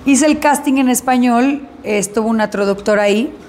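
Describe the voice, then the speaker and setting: A woman actress recounting an experience in an interview, lively and acting out the dialogue in her story. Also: a little high, normal speed.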